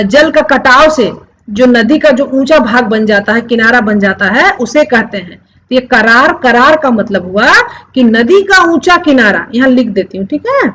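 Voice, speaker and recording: A woman teaching a Hindi lesson, explaining slowly and repeating each word many times while asking the viewers questions. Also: on the high side, fairly bright tone, low-quality recording. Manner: addresses viewers as friends, asks questions. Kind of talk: classroom-style lesson.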